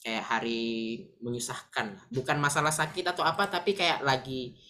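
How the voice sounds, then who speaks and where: A woman giving a casual online English lesson, chatting to viewers as friends and explaining slowly with examples. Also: a bass voice, sharp tone. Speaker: English teacher.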